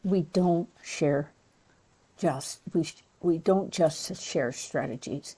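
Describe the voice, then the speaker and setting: Low-voiced lady accent coach, talks real slow and careful, dry close sound. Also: mellow, husky, no echo. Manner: slow, deliberate, encouraging teaching delivery. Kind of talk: online pronunciation lesson.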